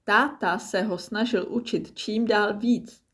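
A woman calmly reading a children's story aloud. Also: medium pitch.

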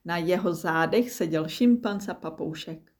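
A woman narrating a children's animal story in a calm, measured reading voice. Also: on the low side.

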